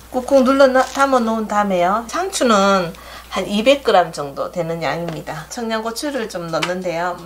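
A woman's voice: mid-range voice, a little hiss or hum. Homey Gyeongsang woman cooking. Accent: Gyeongsang Korean. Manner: chatty, homey step-by-step instructions. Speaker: cooking channel host. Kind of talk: home cooking demonstration. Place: home kitchen. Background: clinking dishes and pots.

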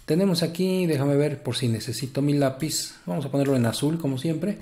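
A man's voice: on the high side, a little fast, mellow. A man with a Mexican Spanish accent gives a casual English grammar lesson, chatty and encouraging, with many fillers. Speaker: English teacher.

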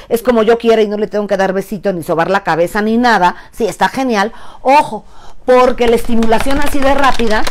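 A middle-aged woman with a Mexican accent, hosting a frank, playful live talk as a sexuality educator. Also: a little high. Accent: Mexican Spanish. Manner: animated, playful, frank and chatty.

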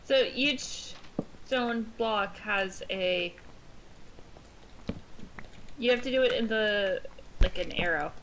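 Brief: very slow, high-voiced woman gamer over a noisy mic. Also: fairly bright tone. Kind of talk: casual gaming chat.

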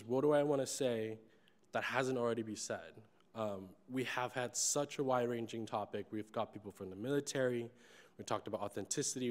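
A young man from China giving closing remarks at a conference, speaking candidly and earnestly with a handheld microphone on a large stage. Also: medium pitch. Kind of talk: personal speech on stage. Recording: long reverb of a large hall.

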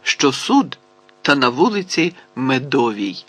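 Brief: a man as an ironic newsman, amused and sharp. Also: medium pitch, sing-song, takes it slowly, husky, full character voice. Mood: wry. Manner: ironic, wry. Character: ironic, witty male journalist.

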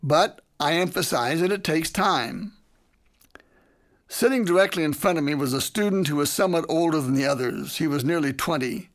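A man narrating a parenting lesson in a measured, deliberate way. His voice sits slightly high for a man. He reads his anecdote from a script, steady and unhurried. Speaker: parenting educator.

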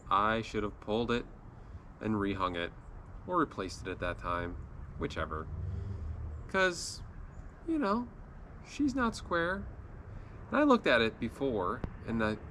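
A builder in his forties vlogs his work plans to camera from a job site, outdoors and inside an unfinished house, talking in a colloquial, folksy, self-deprecating way. His voice is lowish, pushed and bright, with a little hiss or hum on the recording.

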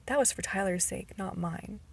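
A woman reading the lines of a calm, teasing teenage boy in a storybook, in a quiet and even voice close to her own. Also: mid-range voice, normal speed, creaky, husky.

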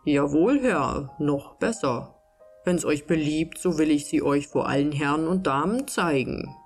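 A poor, eager farmer man, as a woman reading a storybook puts him on, polite and plain-spoken. He talks in a low, even voice with hardly any change from the narrator's own. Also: unhurried, faint music behind. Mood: earnest.

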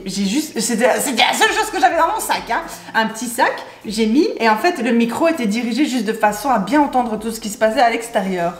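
A woman telling a personal story to her viewers in a casual vlog, animated and exasperated, often laughing. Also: a little high. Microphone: Rode microphone. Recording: roomy echo.

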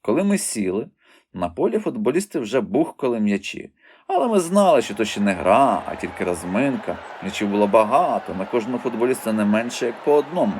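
A man narrating a children's audiobook as a lively first-person storyteller. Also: medium pitch, a little fast, a little hiss or hum.

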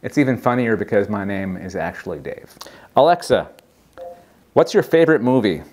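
Lively man hosting a tech demo. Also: fairly low pitch, moderate pace. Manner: lively, amused, asking the device questions. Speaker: host demonstrating a voice assistant. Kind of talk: casual tech demo narration.

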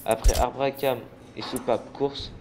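Over the noise of racing game cars and engines, a weary young man who hosts a gaming channel rambles through laid-back commentary, stumbling on words and cursing a lot. He speaks slowly, at medium pitch, in a steady tone.

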